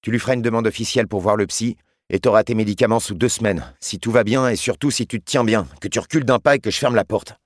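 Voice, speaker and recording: A man's voice: lowish voice, fast talker, no echo, clean studio sound, voice pushed up, lightly acted. A man voicing a young male prison guard who talks curt and bossy to seem grown-up.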